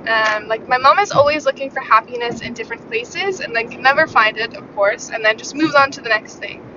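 A young woman hosting a podcast, rambling in a wry, casual way full of fillers. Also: fairly quick. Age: young adult. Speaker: podcast host, student. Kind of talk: casual chat. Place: in a moving car. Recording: muffled lo-fi car recording. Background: faint vehicle rumble.

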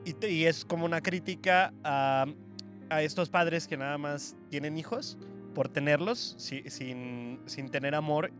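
A man's voice: on the high side, a little slow, fairly bright tone, soft background music. A man with a Mexican Spanish accent co-hosting a podcast, rambling and poking fun at himself in casual chat. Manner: rambling, self-mocking, laughs often. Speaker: podcast co-host.

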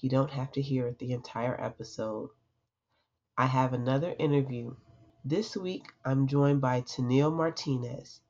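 With a rumbling low, darkish voice, this podcast host keeps the interview casual, greeting her guest warmly and chatting in a friendly, upbeat way. The recording has a dull, lo-fi quality.

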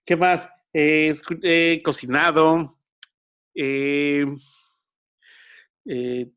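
A man with a Mexican accent chatting casually as a podcast co-host, full of slang and putting on quick voices in quotes. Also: a little high, a bit bright, clear, resonant tone. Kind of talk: casual chat.

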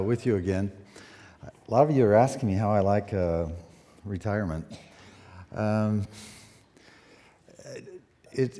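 A man in his sixties, a pastor preaching a sermon at a pulpit microphone, relaxed and conversational with many fillers. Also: on the low side. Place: church sanctuary. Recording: echoey church hall.

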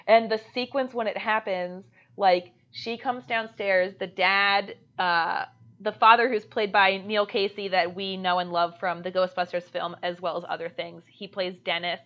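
A woman in casual conversation, recapping a movie with animated energy and quick asides. Her voice sits at a middle pitch. The recording sounds a bit muffled and lo-fi. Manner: animated retelling with acted-out quotes and laughter. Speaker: podcast co-host. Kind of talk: casual chat reviewing a movie.

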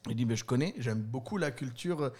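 A man co-hosts a casual podcast, spinning animated stories full of stammering restarts and frequent laughter. His mid-range voice has a breathy edge and moves fairly quickly.

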